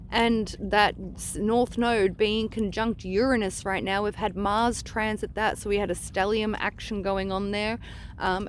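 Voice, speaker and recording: A woman speaks casually and earnestly to camera in a rambling, digressive monologue, outdoors by the water with rushing water around her. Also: mid-range voice. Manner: earnest, digressive, trailing off mid-thought. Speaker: spiritual vlogger giving psychic energy guidance. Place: outdoors on a beach at the water's edge. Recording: outdoor recording with clear water noise.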